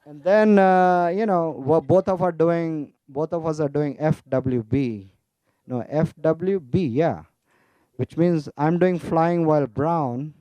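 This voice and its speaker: A man's voice: fairly high pitch, slow pace, dark tone, no room sound, dull audio. A man teaching spirituality in a casual festival talk, telling humorous stories, weaving in Sanskrit terms and asking "right?" often. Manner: chatty, frequent "you know" and "right?".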